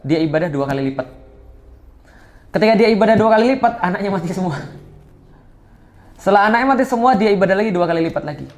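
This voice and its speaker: High-voiced male preacher giving a lecture. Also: lively intonation, quick pace, pauses often, darkish tone. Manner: conversational, self-correcting, teasing asides. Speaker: Islamic preacher. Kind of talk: Islamic study lecture.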